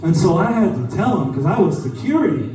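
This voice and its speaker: Stand-up comic with a high voice and a warm, dark tone, doing crude bar stories, recorded far off in an echoey club. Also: male voice, sing-song, soft background music. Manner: crude, storytelling, quick asides. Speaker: stand-up comedian. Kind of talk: stand-up comedy set. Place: small lounge club.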